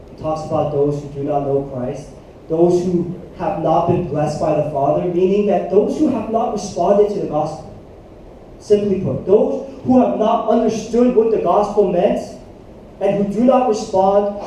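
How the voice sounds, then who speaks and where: A man in his thirties preaches to a youth group, telling stories with lots of energy and asking the room to answer back. His voice sits high but sounds mellow and soft-edged. He is heard from some distance in a very echoey hall. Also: a little hiss or hum. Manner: animated storytelling, asks the room for responses. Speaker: youth pastor. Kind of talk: sermon. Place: church hall.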